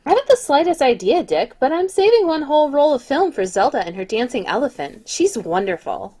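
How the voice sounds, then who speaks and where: A woman's voice: high-pitched, big pitch swings, brisk, warm tone. A woman playing Tess, the detective's eager young sweetheart, in a 1940s-style radio drama read. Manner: eager, enthusiastic.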